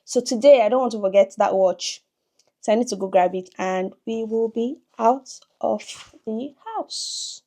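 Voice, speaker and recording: A young woman, chatting casually to camera as a lifestyle vlogger, full of quick self-amused asides. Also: a little high, warm tone, slight background noise. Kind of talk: casual vlog chat to camera.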